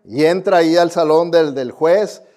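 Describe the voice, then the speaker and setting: A man with a fairly high, slightly mellow voice speaks at normal speed, preaching live to his church congregation. His sermon is conversational and admonishing, full of rhetorical questions, and he often asks listeners to agree.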